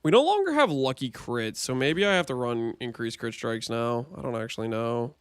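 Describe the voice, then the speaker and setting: Man, livestream headset audio, dry close sound, smooth voice, lively pitch, chatty and joking. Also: normal speed, no room sound. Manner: chatty, joking, thinks aloud to chat. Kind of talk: casual gameplay commentary.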